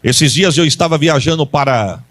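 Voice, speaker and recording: The preacher here is a man with a high voice, keeping a moderate pace through a Pentecostal sermon at a church service. He tells folksy tales in colloquial grammar and moves from call-and-response with the congregation to loud preaching.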